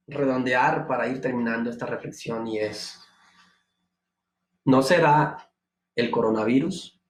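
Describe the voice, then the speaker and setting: Emphatic preacher man in an echoey room. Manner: emphatic, rhetorical questions, rising to high exclamations. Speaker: pastor. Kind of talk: devotional sermon.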